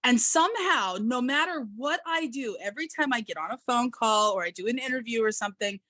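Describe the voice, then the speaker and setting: A woman's voice: fairly high pitch, animated, fairly quick, pushed and bright, no room sound. An American woman hosting an interview, chatting casually over a video call with fillers. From American Midwest and South. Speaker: host.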